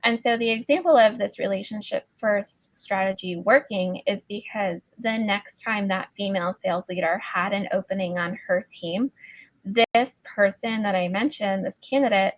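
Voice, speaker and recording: A woman's voice: medium pitch, moderate pace, no echo, dull audio. A woman speaking as a guest in a webinar conversation, telling stories chattily and often saying "like", over a video call. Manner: chatty storytelling with frequent "like" fillers. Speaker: guest speaker on sourcing teams.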